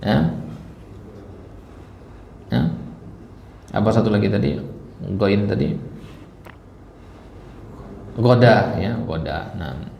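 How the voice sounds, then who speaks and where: A man's voice: on the low side, animated, extremely slow, creaky, long pauses, a little mellow, slight background noise. A man teaching a study class in a mosque hall, patiently repeating words and quizzing his listeners. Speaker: Quran teacher.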